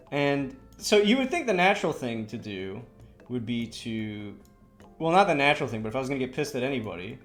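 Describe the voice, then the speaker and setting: A young streamer at medium pitch tells a story casually and ramblingly while drawing. He swears a lot and leans heavily on "like" and "you know".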